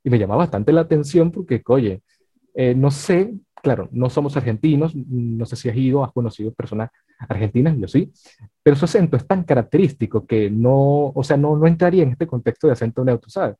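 A man's voice: medium pitch, animated, fairly quick, dark tone, breathy edge, dry recording. A man hosting an interview, asking long, rambling questions full of fillers. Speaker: interview host. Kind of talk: casual interview talk. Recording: dry dull sound, faint music.

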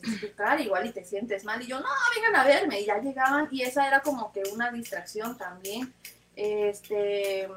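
A woman's voice: on the high side, distant mic, slight background noise. A woman with a Mexican Spanish accent telling a personal story in a casual chat, acting out what people said. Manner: lively, animated retelling with quoted dialogue.

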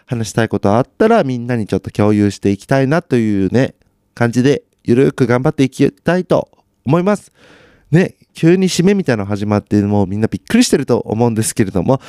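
A man's voice: mid-range voice, warm tone, clean tone, dry recording, clean studio sound. A man chatting casually on his own while watching TV, with chatty asides and self-deprecating remarks. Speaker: solo podcaster.

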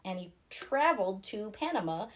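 A woman's voice: on the high side, animated, moderate pace. Giggly young woman with Minnesotan accent. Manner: rambling, giggly, many fillers. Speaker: podcast co-host. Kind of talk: casual true-crime chat.

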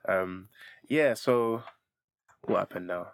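A man's voice: deep voice, takes it slowly, creaky, no room sound. A young adult man with a London accent hosting a podcast in casual, slangy banter. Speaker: podcast host.

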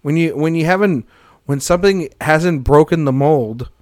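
A man's voice: a little high, normal speed, a little mellow, no echo, clean studio sound. A man co-hosting a film podcast, talking emphatically with enthusiastic, profane outbursts. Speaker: podcast co-host. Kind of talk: casual film discussion.

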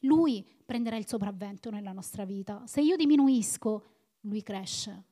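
A woman's voice: medium pitch, normal speed, dark tone. A woman preaching a sermon in an earnest, exhorting manner, repeating phrases for emphasis.

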